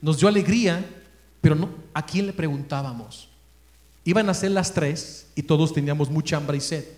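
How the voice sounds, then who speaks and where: A man with a Mexican accent giving a religious talk, telling a story in a lively way and acting out the people he quotes. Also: on the high side, normal speed, roomy sound. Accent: Mexican Spanish.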